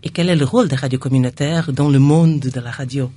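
During a conversational interview, a radio station staff member speaks French with a foreign accent, not being a native speaker, and sometimes searches for words. Her voice is bass-deep, mellow and breathy-edged, moving at a fairly quick pace.

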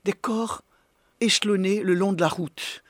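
A middle-aged woman in an interview, telling in a measured, grave way what she lived through. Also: medium pitch, no echo. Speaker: interviewee recounting an earthquake. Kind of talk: interview testimony.

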